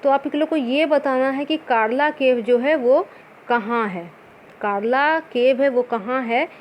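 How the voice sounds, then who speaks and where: A woman with a high voice teaches an exam-prep lesson. She poses her own questions and answers them, mixing in English terms. Faint noise hums behind her. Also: a little slow. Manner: mixes English words into her talk.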